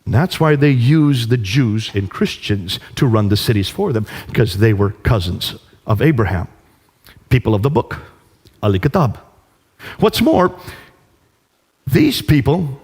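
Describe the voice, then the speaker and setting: A man with a medium-pitched, slightly mellow voice delivers an off-the-cuff public lecture emphatically, repeating phrases for stress and asking rhetorical questions. The hall he's in gives the recording a long reverb.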